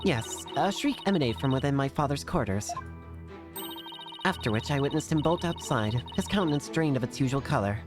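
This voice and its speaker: A man's voice: medium pitch, lively intonation, brisk, over music, natural voice. A man voicing a proud, troubled teenage princess in a game, with stiff, archaic formality. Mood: hesitant, formal.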